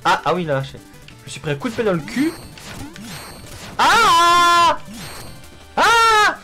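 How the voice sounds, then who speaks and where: A man's voice: high-pitched, big pitch swings, fast, a bit bright. A man giving casual gameplay commentary, with sweary, self-mocking asides. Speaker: gamer commentating a playthrough. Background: game music.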